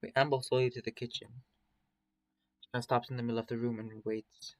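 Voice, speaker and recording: A man's voice: medium pitch, flat delivery, a little fast, rough recording. A man reading a first-person story aloud in a casual, plain way, with small slips and restarts.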